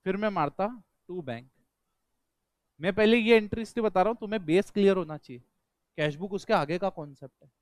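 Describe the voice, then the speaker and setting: A male accountancy teacher with a high, smooth and clear voice, lecturing a class of students. He fires questions at them, repeats each one, and drills the answers back while mixing English accounting terms into his talk. The sound is dry and close, with almost no room echo. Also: a bit bright.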